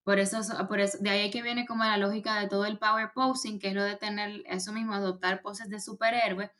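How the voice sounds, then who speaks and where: A woman's voice: medium pitch, little pitch movement, quick pace, a bit bright. Woman giving public speaking advice. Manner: explanatory, with frequent fillers and restarts. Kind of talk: casual advice chat.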